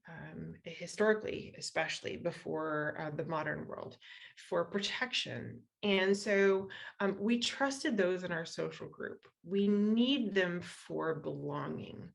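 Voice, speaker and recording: A guest lecturer from western Iowa, United States, explains things to a public audience in a conversational manner, using rhetorical questions to check in. She speaks with an American accent in a medium-pitched voice that's gravelly and a bit bright.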